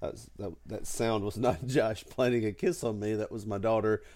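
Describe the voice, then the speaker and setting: A man's voice: fairly low pitch, steady tone, normal speed, a little mellow. A middle-aged man who is sick with a cold, chatting casually and jokingly as a podcast co-host. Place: at home in a house.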